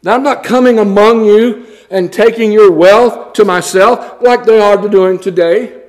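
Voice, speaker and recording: A man's voice: sits high, unhurried. A man preaching a blunt, scornful sermon and reading scripture aloud in old-fashioned wording.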